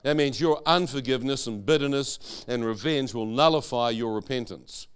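A man's voice: mid-range voice, normal speed, clear, resonant tone. A man preaching a sermon testimony, telling his story and quizzing the audience with questions.

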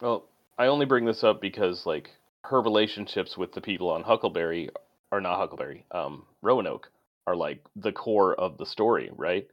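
A man's voice: low voice, lively intonation, normal speed. A man hosting a casual book podcast who leads the talk with prepared questions in a dry, matter-of-fact way. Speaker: podcast host asking questions. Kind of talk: casual chat. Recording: dull, lo-fi sound.

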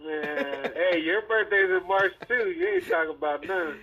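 A man's voice: a little high, moderate pace, a crowd in the background. A man chatting casually like a frat bro, in loose slang with heavy swearing. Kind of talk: casual chat. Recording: tinny, narrow phone-like sound.

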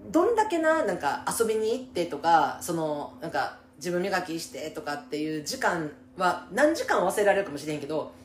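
In an echoey room with faint noise behind her, a Kansai-accented co-host offers advice in casual chat, empathetic, emphatic and quick to chime in with agreement. She talks in a lowish voice with big pitch swings, a moderate pace and few pauses.

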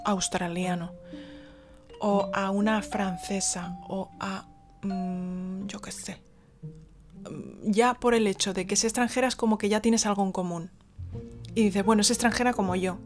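A woman's voice: mid-range voice, darkish tone. A woman from Spain, telling a personal story in a casual, rambling way with many fillers and restarts.

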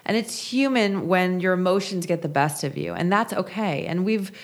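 A woman's voice: fairly low pitch, moderate pace. A woman author talking through her ideas in an interview, earnest and reflective. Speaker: author and guest. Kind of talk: conversational interview.

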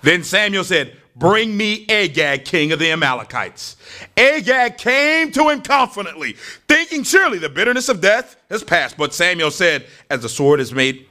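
A male pastor preaching a sermon, telling stories with animated acted-out voices. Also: sits high, moderate pace.

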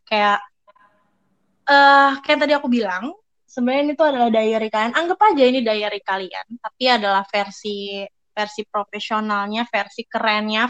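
A young woman giving casual career advice in a chatty, quick way, acting out little quoted thoughts. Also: medium pitch, a bit bright, no room sound. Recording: dry, slightly dull lo-fi sound.

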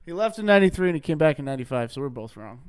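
Fast-talking, playful podcast co-host. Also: male voice, on the high side, sing-song. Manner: quick, playful, mock announcer tone at times. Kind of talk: casual chat. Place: basement studio.

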